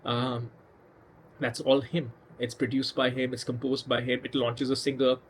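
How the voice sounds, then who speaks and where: A man's voice: mid-range voice, little pitch movement, normal speed, slight background noise. A man hosting a casual storytelling video, talking conversationally with restarts and emphatic asides. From India. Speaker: music channel host.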